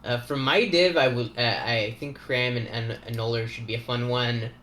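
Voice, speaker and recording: A man co-hosting a gaming league recap, chatty and quick to stammer and laugh. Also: mid-range voice, pushed and bright, echoey room, slight background noise. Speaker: league co-host and player. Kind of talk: casual recap commentary.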